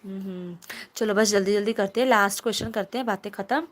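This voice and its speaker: A woman's voice: medium pitch, fairly even intonation, fairly quick. A young woman teacher holding a live online class from her phone, reading students' chat comments aloud and answering them in a chatty, teasing way.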